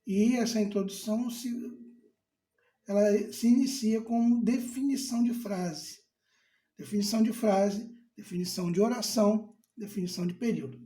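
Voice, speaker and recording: A man teaching grammar in a casual, deliberate way, repeating key terms and answering imagined student questions. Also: high voice, mellow. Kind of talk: casual explanatory lesson. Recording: roomy echo.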